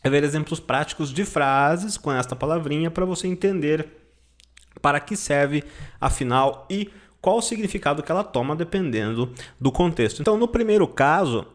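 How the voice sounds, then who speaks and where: Male language teacher, somewhat high voice, patient explainer. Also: lively intonation, normal speed. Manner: explanatory, frequent "tá?" and "né?" checks. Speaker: German teacher. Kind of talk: online language lesson.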